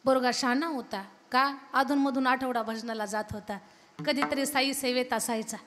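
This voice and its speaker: Tell the devotional story in a high, bright voice, hammering each phrase rhythmically as a woman preaching a kirtan, with the sound carrying long reverb through the hall. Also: steady tone, moderate pace. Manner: emphatic, rhythmic listing of phrases. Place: large temple hall, live event.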